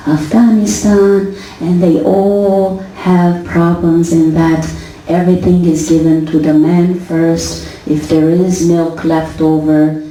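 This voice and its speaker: A middle-aged woman from Syria gives a lecture, her low, mellow voice moving slowly and deliberately with small hesitations. She sounds distant in a very echoey hall with faint background noise. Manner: deliberate, halting with fillers. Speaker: psychologist giving a lecture.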